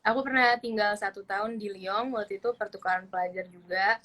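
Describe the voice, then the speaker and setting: A woman's voice: medium pitch, steady tone, fairly quick, fairly bright tone. Chatty young woman hosting a live chat. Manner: chatty, eager and upbeat. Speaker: host. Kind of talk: casual live-stream interview.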